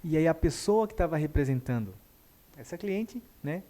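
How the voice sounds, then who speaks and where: A man, a guest therapist telling a story in a lively way and acting out the dialogue. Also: on the high side, moderate pace. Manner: animated, acts out dialogue. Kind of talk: conversational storytelling.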